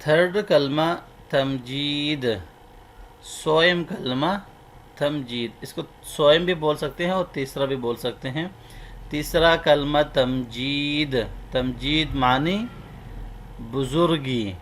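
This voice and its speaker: Slow-reciting man teaching a prayer. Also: fairly high pitch, fairly bright tone, slight background noise. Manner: drawn-out melodic recitation, quick spoken asides. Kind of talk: slow recitation lesson with explanations.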